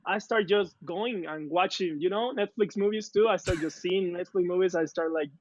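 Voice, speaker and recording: A man's voice: sits high, moderate pace, slight background noise. A young man from who speaks natively, chatting as an esports guest in English, often searching for words. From Latin America. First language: Spanish. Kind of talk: casual interview chat. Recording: dull, dry lo-fi sound.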